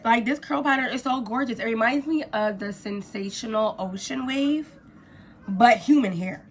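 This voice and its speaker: A woman vlogger, hoarse from a cold, giving an informal, gushing product review to camera. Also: on the high side, normal speed, slight background noise. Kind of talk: casual chatty review to camera.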